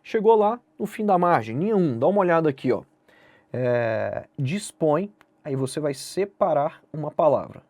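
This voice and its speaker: In an online exam-prep class explaining essay grading, a Brazilian man speaks straight to the viewer, asking and answering his own questions in a Brazilian Portuguese accent. He sounds a little high, very animated and a little mellow, at a moderate pace, with no room sound.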